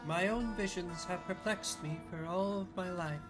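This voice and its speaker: Voicing an elderly nun who has visions, the performer sounds gentle, bewildered, devout and solemn, speaking with measured reverence while music plays underneath. The delivery is lightly acted at a medium pitch.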